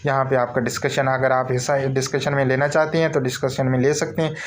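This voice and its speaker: A man's voice: mid-range voice, little pitch movement, quick pace, slight background noise. A man with a Pakistani Urdu accent giving a screen-recorded tutorial walkthrough, repetitive and calling his listeners sir. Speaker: online course tutor.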